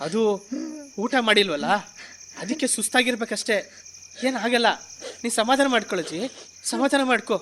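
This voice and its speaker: A man's voice: very high voice, expressive, fairly quick, long pauses, a bit bright, a little hiss or hum. An urgent, caring young man. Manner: urgent, calling out, soothing. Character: caring young man rushing an old couple to hospital. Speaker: helpful young neighbour in a radio play. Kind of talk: radio drama acting.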